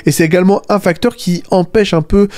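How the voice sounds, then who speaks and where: This is a man critiquing anime in a relaxed spoken video essay, sarcastic and full of mocking asides, with "voilà" and "hein" dropped between points. His voice sits high and is a little mellow, his intonation fairly even, and his delivery brisk.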